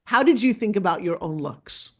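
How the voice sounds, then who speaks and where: A woman's voice: mid-range voice, lively intonation, moderate pace, fairly bright tone. A middle-aged woman hosting a stage interview, upbeat as she introduces her guest and asks questions. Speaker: host.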